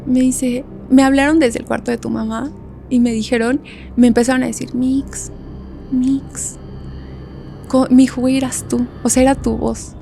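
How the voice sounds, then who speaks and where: A young woman with a Mexican Spanish accent telling a story in a casual podcast chat, animated and laughing often as she acts out voices. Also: on the high side, fairly quick, vocal fry, soft background music. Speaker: podcast guest.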